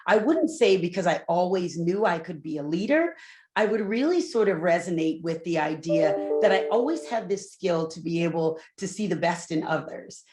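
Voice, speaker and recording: A loud, candid corporate executive from Newport, Rhode Island, this middle-aged woman recounts her career on a panel. She tosses asides to the audience, and her voice sits on the low side.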